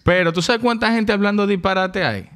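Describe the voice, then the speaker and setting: A man's voice: high voice, brisk, fairly bright tone. A man with a Dominican accent, a podcast guest in casual banter, teasing and blunt with plenty of swearing.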